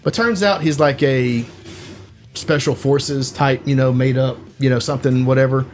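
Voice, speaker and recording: A man hosts a casual podcast chat in a steady, medium-pitched, darkish voice at normal speed. He retells a film's plot in a rambling, filler-heavy way, acting out the quotes.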